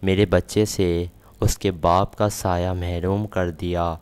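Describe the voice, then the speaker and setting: A man's voice: low voice, level tone, darkish tone, clear, resonant tone, lightly acted. A man voicing a grieving, angry pregnant young wife, reading her lines plainly in his own voice. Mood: angry grief. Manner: plain read-out of a quoted line.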